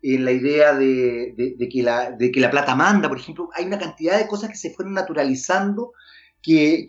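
A man hosting a podcast, asking long, hesitant questions full of restarts and fillers. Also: on the high side. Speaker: podcast host. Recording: dull lo-fi audio.

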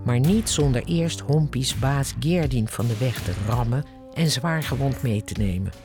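A man's voice: medium pitch, normal speed. A man giving scripted, wry narration for an audio drama. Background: music.

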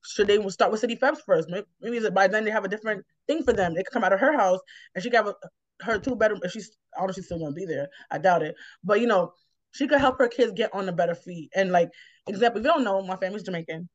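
A New York woman with a mid-range voice talks fast as host of a relaxed, reflective conversation, rambling encouragingly through her explanations. The recording is echo-free, dry, slightly dull, and lo-fi.

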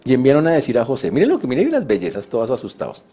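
A man's voice: mid-range voice, wildly swooping pitch, very fast, warm tone, breathy edge. A man preaching a sermon, telling the story vividly and acting out the voices of the people he quotes.

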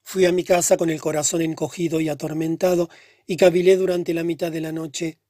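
A man narrating a literary short story in a measured, earnest way. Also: fairly high pitch, little pitch movement, warm tone, no room sound, clean studio sound. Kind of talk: scripted audiobook narration.

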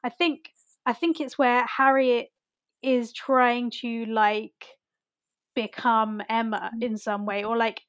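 A woman's voice: on the high side, steady tone, slow, no room sound. A woman chatting casually about a film, retelling scenes with lots of "like".

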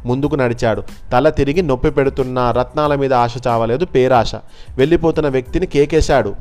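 A man narrating a folk tale in a measured, expressive telling. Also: medium pitch. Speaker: storyteller. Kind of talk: storytelling narration. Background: faint background music.

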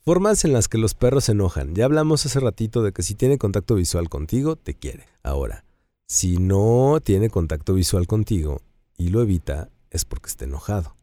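A man with a Mexican Spanish accent co-hosting a casual chat about dogs, animated and acting out what people say. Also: lowish voice, normal speed, no room sound. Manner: animated, acts out quoted dialogue in a raised voice. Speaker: co-host.

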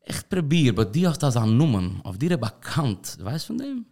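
A man's voice: medium pitch, wildly swooping pitch, brisk, mellow. A man hosting a podcast in a studio, chatting loosely and rambling, with English words mixed in. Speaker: podcast host. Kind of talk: casual interview chat.

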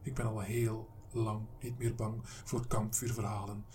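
A man's voice: fairly low pitch, little pitch movement, measured pace, darkish tone, slight background noise, close to an everyday voice. A man reading a defiant journalist's inner voice. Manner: inner monologue, stubborn. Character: defiant male journalist talking himself up.

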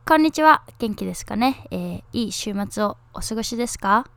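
A woman's voice: on the high side, lively intonation, brisk, vocal fry, a bit bright, no echo. Chatty young woman podcast host. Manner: chatty, upbeat, many fillers. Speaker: podcast host and lifestyle coach. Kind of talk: casual podcast chat.

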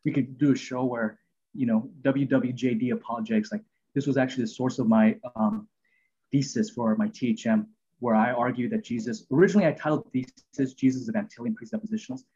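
Talking fast in a warm, slightly rough voice of medium pitch, this man hosts a podcast where he chats casually about Bible passages. He rambles earnestly, restarting often and leaning on fillers, and the audio is dull.

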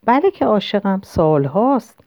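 A woman reading a novel aloud, voicing an affectionate, flattering middle-aged woman visitor in a raised, effusive tone. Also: medium pitch, no room sound, voice pushed up. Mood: doting. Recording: dull lo-fi recording.

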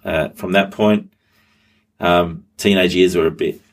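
With a low, steady voice at a measured pace, the Australian pastor, middle-aged, tells his personal story in an interview. He's hesitant, frequently umming and backtracking to restart.

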